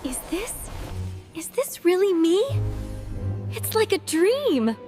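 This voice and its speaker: A sweet young heroine, voiced by a woman, speaks slowly and softly in a very high, earnest voice. A gentle orchestral score plays under her. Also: big pitch swings, heavily acted. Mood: hopeful. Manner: soft, earnest, pleading. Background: orchestral music.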